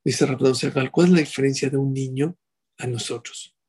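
A middle-aged man giving a sermon as a rabbi, animated and full of rhetorical questions to his listeners. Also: mid-range voice, moderate pace, husky.

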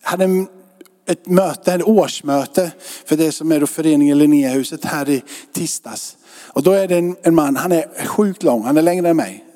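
A man's voice: fairly high pitch, dark tone, in a large hall. A man preaching a sermon in a conversational way, often asking his listeners whether they follow him. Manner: conversational preaching with rhetorical questions. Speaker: pastor. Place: church.

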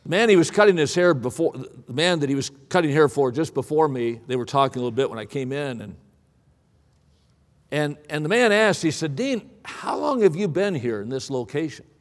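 A man delivers a sermon in a high-pitched voice that rings through a large reverberant hall. His delivery is emphatic and folksy, leaning on repetition and plainspoken storytelling. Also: expressive, brisk. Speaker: preacher. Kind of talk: sermon with dramatic pauses and repetition.

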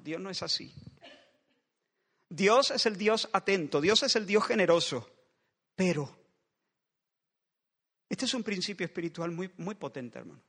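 This preacher's voice sits high and a little bright. Delivering a church sermon amid the lingering echo of a big hall, he builds fervent, pleading refrains that return again and again.

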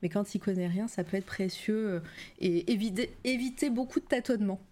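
A woman hosting a casual live-stream interview, relaxed and hesitant, greeting viewers and asking questions. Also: medium pitch, fairly quick. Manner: relaxed, hesitant, many fillers and restarts.

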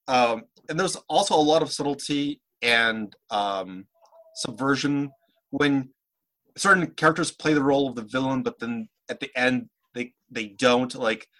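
A man's voice: mid-range voice, moderate pace, a bit bright. A man in casual podcast chat, talking hesitantly with many restarts.

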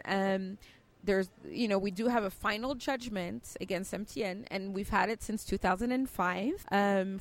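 A middle-aged woman from Cameroon, a company founder, answering interview questions earnestly with frequent restarts and fillers. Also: medium pitch.

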